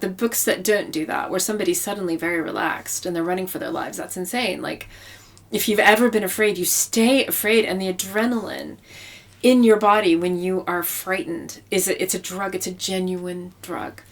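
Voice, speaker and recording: In a conversational interview, a novelist explains her craft, repeating phrases for emphasis and effect. Her voice sits on the low side and moves at a normal speed.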